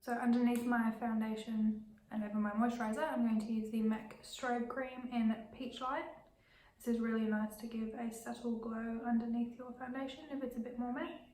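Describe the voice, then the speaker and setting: A woman in her twenties with a slightly high, nasal voice, stuffy from a cold. She chats casually through a makeup tutorial, drifting into little asides. The sound is echoey, with her voice set back from the mic in a room at home. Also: level tone, moderate pace, dark tone, recorded from a distance, soft background music. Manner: chatty, rambling asides. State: stuffy nose from illness. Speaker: beauty vlogger.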